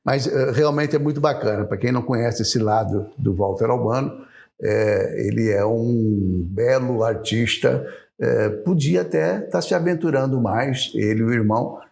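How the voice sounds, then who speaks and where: Male interview host with a middle pitch. Chatty and admiring, uses frequent filler tags. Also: moderate pace, gravelly, darkish tone. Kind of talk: interview conversation.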